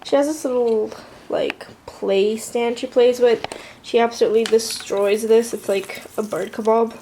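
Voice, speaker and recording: A slightly high, mellow voice with a steady tone and a somewhat slow delivery belongs to a teenage vlogger from southern California. With a slight Armenian Russian accent and many fillers, she gives a casual indoor plant tour of her apartment room and bathroom, with a little hiss or hum audible.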